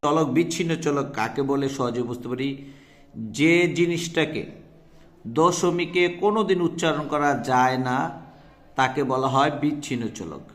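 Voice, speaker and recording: A man in his thirties with a Bangladeshi Bengali accent gives an exam-prep math lesson. His voice sits a little high, and he walks through each example step by step, restating the rule again and again. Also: moderate pace, fairly bright tone. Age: 30s. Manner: explains step by step, repeating key rules. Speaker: math teacher.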